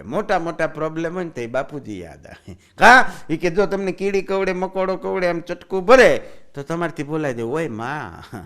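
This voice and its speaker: A man, a comedian telling folk jokes as an animated storyteller who acts out the characters. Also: fairly high pitch, vocal fry.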